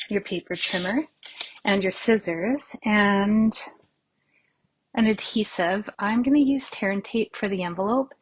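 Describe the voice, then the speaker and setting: A woman's voice: medium pitch, slight background noise, low-quality recording. Chatty woman hosting a live craft class. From Canada. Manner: chatty, rambling, greets viewers by name. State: slightly out of breath. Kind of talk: casual live craft tutorial. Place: home craft room.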